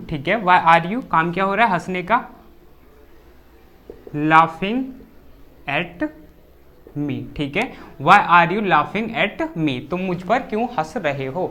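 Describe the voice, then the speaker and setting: A woman teaching an English grammar lesson, explaining step by step and slowing down to dictate example sentences. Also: a little high, fairly bright tone.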